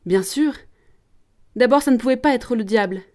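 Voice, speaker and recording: A woman's voice: fairly high pitch, normal speed, darkish tone, voice pushed up, close to an everyday voice. Earnest devout peasant girl, read by a woman, pleading tone, read-aloud play.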